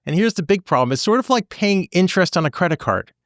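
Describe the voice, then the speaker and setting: A man's voice: sits high, lively intonation, fast talker, dry recording, studio quality. A man in his forties hosting a podcast as a divorce attorney, talking casually and animatedly, repeating phrases for emphasis.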